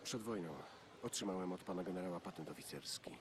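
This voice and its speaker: Low-voiced, guilt-ridden army major played by a man. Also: quick pace, noisy background, lightly acted. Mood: restrained. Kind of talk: film drama acting.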